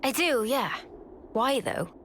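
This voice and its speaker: A calm, soft-spoken young soldier. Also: female voice, high voice, slow, slight background noise, full character voice. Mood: hushed. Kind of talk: video game dialogue.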